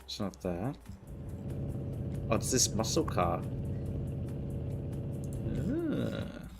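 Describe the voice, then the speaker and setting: A man's voice: lowish voice, huge pitch swings, drawn-out words, vocal fry, over loud music. A male streamer chatting casually while he plays, laid-back and self-mocking. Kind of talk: casual chat while playing a game.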